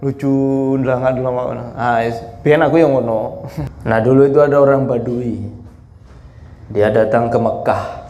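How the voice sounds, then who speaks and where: A man preaching in a relaxed, storytelling way. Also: medium pitch, normal speed. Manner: relaxed, chatty, mixes in laughs. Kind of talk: sermon storytelling.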